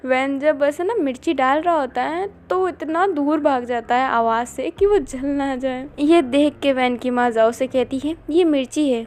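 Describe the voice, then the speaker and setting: A woman reading a fanfiction story aloud in a plain, steady retelling. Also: high voice.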